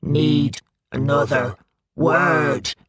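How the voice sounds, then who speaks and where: A woman voicing a hulking, fierce female beast that growls out slow, halting words. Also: sits low, fairly even intonation, husky, no room sound, clean studio sound, pitched below the performer's own voice, full character voice. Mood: growling.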